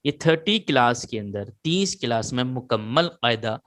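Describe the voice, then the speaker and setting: A man at a middle pitch gives a patient recorded lesson on reading letters. He drills each sound slowly and repeats it so students can take notes. The sound is close and dry. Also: animated, fairly bright tone, no echo. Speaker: Quran reading teacher. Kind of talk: online lesson.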